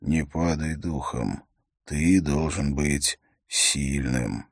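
A man voicing a tall, shaggy, bearded male slave who speaks softly and kindly to a fellow captive. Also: slow, breathy edge, no echo, studio quality, full character voice. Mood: hushed, kind. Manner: soft, hushed and low.

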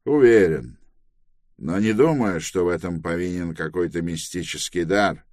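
A man's voice: low voice, darkish tone, no echo, clean studio sound, close to an everyday voice. A man reading an insistent, stubborn grown man. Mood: reasoning. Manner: insistent, deliberate. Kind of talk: audiobook dialogue reading.

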